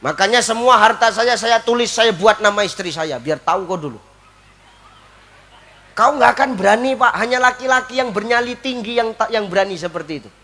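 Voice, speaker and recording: High, bright-voiced joking preacher. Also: male voice, a little fast. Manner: jokey, teasing, keeps asking the crowd to agree. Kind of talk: comic sermon to a live crowd.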